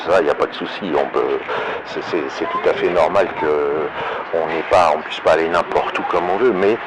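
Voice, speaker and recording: A man giving an unscripted opinionated monologue through a voice changer, halting and often correcting himself. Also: heavy background noise. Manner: halting, frequent self-corrections and repetitions. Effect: pitch-lowering voice changer. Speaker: online video commentator.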